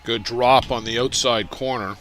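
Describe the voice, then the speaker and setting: A man calling a softball game play by play, calm and measured between pitches. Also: a little hiss or hum. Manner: calm, building to excited calls. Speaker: play-by-play commentator. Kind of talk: live sports commentary.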